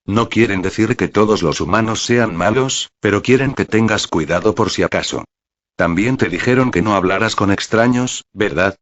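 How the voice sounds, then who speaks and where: A man reading as a kind, patient young officer. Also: lightly acted. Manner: low and calm. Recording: dull, dry lo-fi recording.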